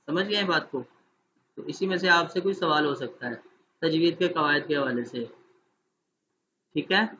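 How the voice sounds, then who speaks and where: A man's voice: a little high, pushed and bright, dull audio, a little hiss or hum. A man training teachers in an online class, explaining steps patiently and often checking that his listeners follow.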